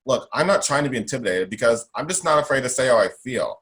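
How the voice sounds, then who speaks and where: Speaking fast in a mid-range, fairly bright voice, a young man comes across animated as an interview guest. He's a self-advocate, strong-voiced, emphatic and outspoken, repeating himself as he goes.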